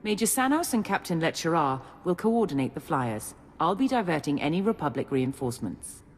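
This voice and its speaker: Stern, animated military officer. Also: female voice, low-pitched, a little fast, slight background noise. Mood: businesslike, resolute. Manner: crisp, authoritative briefing. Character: stern, businesslike female Imperial military officer. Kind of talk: video game voice acting. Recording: long hall reverb.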